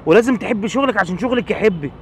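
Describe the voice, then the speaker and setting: A man's voice: sits high, animated, very fast, slight background noise. A man with an Egyptian accent playing a protective neighborhood man who lectures in a fatherly, insistent way. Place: outdoors on a city street.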